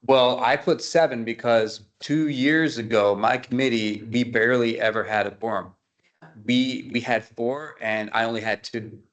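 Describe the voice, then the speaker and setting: A man organizing a committee meeting, explaining matters in a casual way, often halting and repeating words as he talks. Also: medium pitch, steady tone.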